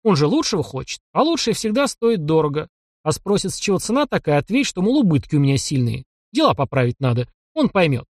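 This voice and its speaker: A man's voice: fairly high pitch, very animated, quick pace, dry recording, clean studio sound. A man voicing a young hunter who is bold, sly and defiant, talking in a mocking, cocky way. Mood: scheming.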